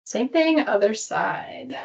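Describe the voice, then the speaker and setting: A woman with a high, expressive, gravelly voice leads an exercise class, giving cues and countdowns slowly. She's encouraging and peppy, and the sound is lo-fi.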